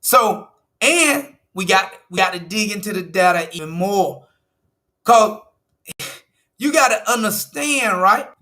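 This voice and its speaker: This American man, a political commentator, reviews an article slowly and emphatically, restarting phrases, repeating points and leaning on the numbers. His voice sits high, animated and sharp in tone.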